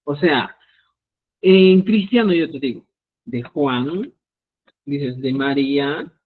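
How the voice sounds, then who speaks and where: A man's voice: fairly high pitch, lively intonation, slow. A man teaching a language class online, explaining rules and often checking in with his students. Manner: instructive, keeps checking in with "¿ya?". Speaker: Quechua writing teacher. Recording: tinny phone-like online call audio.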